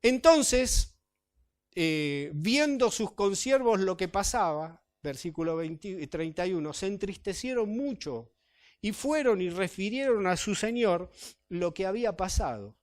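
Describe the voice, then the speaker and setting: A pastor preaches in church, his voice sitting fairly high for a man. He reads scripture aloud and explains it in an easy, conversational manner, often checking in with his congregation. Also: animated, unhurried. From Chile. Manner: conversational, with tag questions to the congregation. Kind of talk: sermon.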